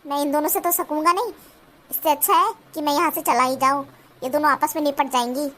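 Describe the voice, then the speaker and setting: A woman's voice: high voice, fairly even intonation, brisk, fairly bright tone. A woman voicing a young husband stuck between his mother and his wife in a cartoon. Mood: placating. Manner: pleading, placating.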